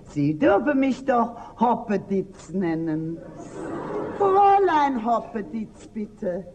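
An actress playing a prim, nosy middle-aged spinster schoolteacher in a stage comedy, fussy and indignant. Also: female voice, a little high, big pitch swings, takes it slowly, a little mellow, some chatter behind. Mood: gushing. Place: theater stage.

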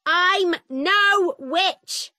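A woman voicing an angry mother who shouts slowly and loudly in a courtroom storybook scene. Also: no echo, studio quality, full character voice. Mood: furious. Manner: shouting, slow and high.

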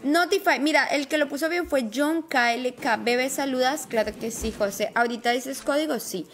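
High-voiced chatty woman streamer. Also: normal speed, fairly bright tone, a little hiss or hum. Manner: chatty, affectionate, greets viewers by name. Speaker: game live streamer. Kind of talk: casual live-stream chat while playing.

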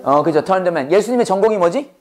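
A teacher giving a classroom lecture in Bible English, switching between Korean and English. The delivery is playful, full of puns and quick questions to the class, with key words repeated for students to echo back. The voice sits at a middle pitch. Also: expressive. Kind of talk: classroom lecture with call-and-response drills.

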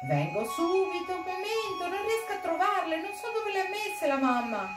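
A woman voicing a frightened little boy in a read-aloud story, speaking in a high, urgent child's voice. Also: big pitch swings, moderate pace, echoey room, distant mic, loud music behind the voice. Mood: anxious. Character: frightened little boy hiding his father.

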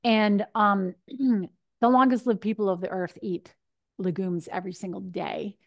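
A woman's voice: mid-range voice, unhurried, vocal fry. Chatty woman nutrition speaker on video call. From Michigan. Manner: chatty and animated, gesturing, acts out her own thoughts. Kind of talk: casual Q&A over video call. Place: home kitchen. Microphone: video call webcam.

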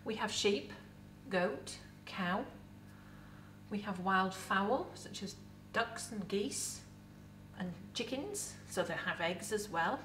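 A middle-aged woman with an English accent, a museum educator in costume, giving a lively, chatty talk to camera about food with props in an indoor set. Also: mid-range voice, slow pace, slight background noise. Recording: roomy echo, voice from a distance.

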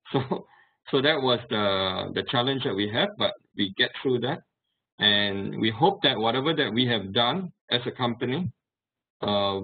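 Middle-aged man, husky, over tinny call. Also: medium pitch. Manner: measured, with hesitations. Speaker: company founder giving keynote. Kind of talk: keynote talk on video call. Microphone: video call webcam.

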